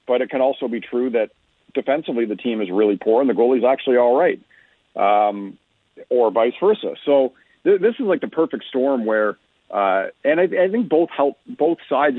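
Heard over a narrow radio line that sounds like a phone, a husky, medium-pitched man appears as a guest giving sports analysis. His tone is conversational, and he lays out his points in a measured manner. There's no room echo; the sound is dry.

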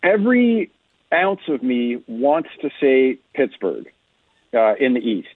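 Over a muffled radio call-in line that sounds like a phone, a man gives unprepared hockey analysis, chatting and frequently rephrasing himself. His medium-pitched, slightly rough voice swings widely in pitch, moves slowly, and carries no room sound.

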